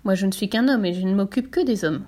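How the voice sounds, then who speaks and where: A woman voicing an old male pope who is cross at first and then gently advises. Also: mid-range voice, fast talker, close to an everyday voice. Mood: advising.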